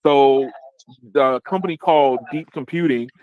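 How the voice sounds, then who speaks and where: A man hosting a casual tech podcast, rambling with restarts and quick laughs. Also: medium pitch, no echo, phone-quality sound. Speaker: podcast host.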